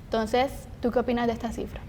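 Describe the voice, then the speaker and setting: Woman co-host with highish voice. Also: flat delivery, fairly quick, darkish tone. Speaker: podcast co-host. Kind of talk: casual discussion. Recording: noisy, low rumble behind voice. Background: rumbling background noise.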